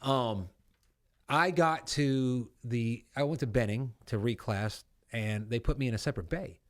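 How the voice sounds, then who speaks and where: A man's voice: mid-range voice, measured pace. A man in his forties, a veteran podcast host, telling rambling, profane Army stories in casual chat. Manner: profane, rambling anecdotes with acted-out quotes.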